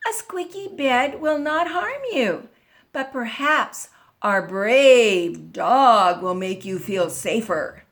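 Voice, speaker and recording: A woman doing a gentle storybook mama. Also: fairly high pitch, takes it slowly, full character voice. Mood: soothing. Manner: calm and reassuring. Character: gentle, soothing mother of a little girl.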